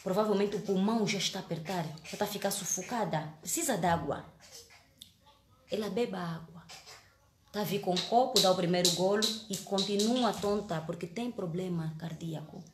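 A woman's voice: mid-range voice, moderate pace, roomy sound, background noise. A woman, an actress telling a story in a casual live-stream chat, earnest and emotional, often restarting her words. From Angola.

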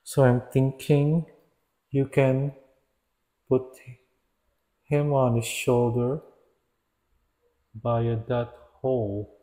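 A man's voice: medium pitch, level tone, very slow, pauses often, warm tone. A man reviewing an action figure in a casual, hesitant way, often stopping to restart and correct himself. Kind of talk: casual product review narration.

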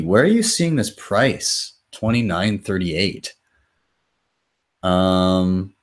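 In his thirties, a deep-voiced man who hosts a crypto channel runs a casual live question-and-answer stream from a small room at home. He reads viewer comments aloud and answers off the cuff, speaking loosely and swearing casually.

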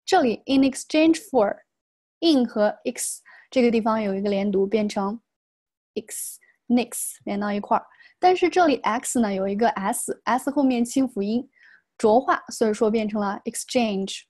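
A woman teaching an English pronunciation lesson, reading phrases slowly as models and then explaining them. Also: a little high, animated, a little mellow.

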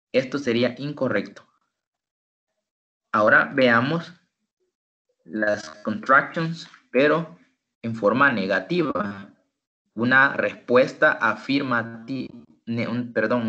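A man tutoring English online, slowly explaining and drilling example phrases. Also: medium pitch, bright, forceful tone. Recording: dull lo-fi online call audio.

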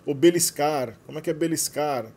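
A man's voice: fairly high pitch, moderate pace, darkish tone, slightly rough. A man talks through the vocabulary of his language course, explaining as he goes and often tagging his sentences with "né". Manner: explanatory, frequent "né" tags. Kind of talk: screen-share lesson narration.

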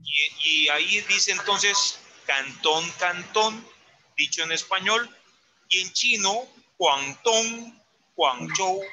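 A man's voice: high voice, takes it slowly, sharp tone, poor audio. A man teaching a Mandarin lesson, patiently correcting a student's tones step by step. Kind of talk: online language lesson.

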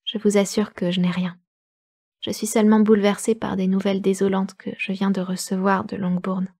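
A woman voicing an agitated young gentlewoman in distress, speaking with urgent, breathless pleading. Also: mid-range voice, little pitch movement, normal speed, slightly rough, no echo, clean studio sound. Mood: distraught.

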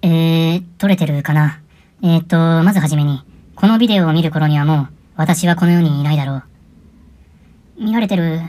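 A woman's voice: deep voice, a little fast, warm tone, slight background noise, lightly acted. A woman voicing a father in a cartoon who records a grave farewell video and then frets over being watched. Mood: mortified. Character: solemn father, secretly embarrassed.

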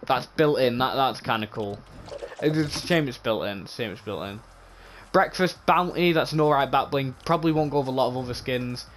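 A man giving casual, rambling commentary on game items, often repeating himself, with a voice going hoarse. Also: mid-range voice, brisk, fairly bright tone, a little hiss or hum. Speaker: gaming channel host.

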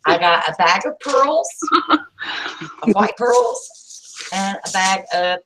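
A woman's voice: mid-range voice, huge pitch swings, slow, fairly bright tone, poor audio. A woman, chatting casually on a craft vlog and reading out viewer comments. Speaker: craft vlogger. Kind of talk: casual live chat.

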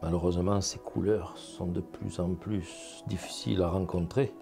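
A man's voice: deep voice, steady tone, moderate pace, gravelly, warm tone, soft background music. A man, a painting instructor talking casually as he demonstrates, thinking aloud and checking in with viewers. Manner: chatty, thinks aloud, addresses viewers with "hein" and "vous voyez".

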